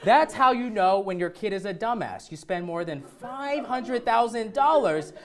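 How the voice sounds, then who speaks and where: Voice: mid-range voice, expressive, a little slow. A comedy news co-host delivering scripted jokes playfully, laughing through many lines.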